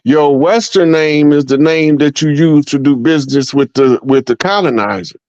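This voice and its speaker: A man co-hosting a casual discussion, explaining things slowly with many pauses. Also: on the high side, a little mellow, no room sound. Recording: dry, slightly dull audio.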